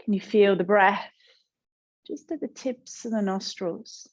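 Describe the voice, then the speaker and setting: A yoga and meditation teacher guides a meditation, her mid-range voice calm, gentle, and unhurried, with pauses between short instructions. The recording sounds a little dull and lacks crispness.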